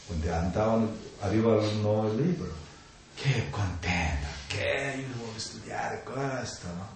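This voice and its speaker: A man giving an informal talk on the mind, speaking in halting, simple phrases and often checking in with a questioning "no?" after his points. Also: lowish voice, vocal fry. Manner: halting, simple non-native grammar, keeps adding "no?". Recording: echoey room, distant mic, faint noise.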